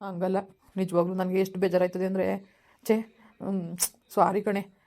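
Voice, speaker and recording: A man's voice: sits high, completely flat delivery, normal speed, warm tone. A man, acting a caring, apologetic young husband who soothes his wife in a village skit. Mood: comforting. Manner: soothing, reassuring.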